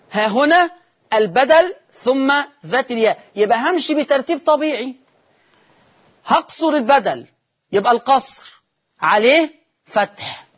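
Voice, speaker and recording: A man's voice: extremely high pitch, a bit bright. A man with an Egyptian accent teaching Quran recitation rules on TV. He demonstrates each reading and poses questions he then answers himself. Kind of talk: televised recitation lesson. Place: TV studio.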